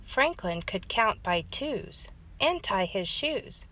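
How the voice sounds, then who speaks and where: Slow, animated woman reading to children. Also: mid-range voice. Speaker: children's story time host and reader. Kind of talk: storybook read-aloud narration for children.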